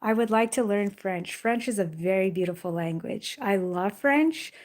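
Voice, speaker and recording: Holding her phone as she streams live, a young woman from Jamaica chats loosely with her viewers and reads out their comments. Her voice sits at medium pitch with a moderate pace, and "like" and "you know" come up a lot.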